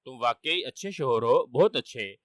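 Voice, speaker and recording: A man's voice: mid-range voice, animated, fairly bright tone, no echo, lightly acted. A man voicing a panicky, flustered wife who pleads frantically. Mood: panicked.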